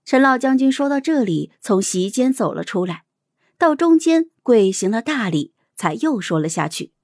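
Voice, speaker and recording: A woman narrating an audiobook as its host. Her voice sits slightly high and swoops with lively expression. The sound is close and dry. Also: moderate pace, no room sound. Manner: animated, storytelling.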